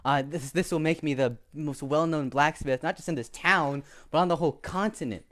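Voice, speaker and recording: A man voicing an excitable male village blacksmith who gushes and stammers with amazement. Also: medium pitch, unhurried, voice pushed up, natural voice. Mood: excited, gushing.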